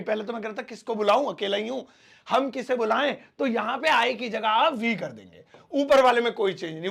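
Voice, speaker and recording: A man with a high voice and a gravelly edge teaches a spoken English lesson. He explains patiently and slows right down to repeat each phrase word by word, clearing his throat now and then. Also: fairly bright tone. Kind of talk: Hindi-medium English lesson.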